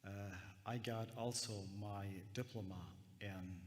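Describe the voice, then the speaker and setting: A man's voice: on the low side, fairly even intonation, unhurried, in a large hall. A man from Afghanistan giving a conference talk on counterterrorism, hesitant, with many fillers and restarts. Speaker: counterterrorism analyst.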